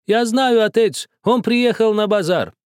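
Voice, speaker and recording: A hot-tempered young woman who shouts everything with wild excitement, as a male audiobook reader puts her on. Her voice sits high and leaps all over, smooth and clean. The sound is dry and close. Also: normal speed, no room sound. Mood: excited. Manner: shouting, exclamatory. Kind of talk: audiobook character voice.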